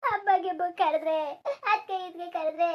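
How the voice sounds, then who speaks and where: A sobbing village elder sister, played by a woman in a comic cartoon, wailing loudly and calling her dead sister to get up again. Her squeaky, very high voice keeps breaking into cries. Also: steady tone, normal speed, muffled recording. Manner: loud sobbing lament, repeated calls to wake up. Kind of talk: comic cartoon mourning lament.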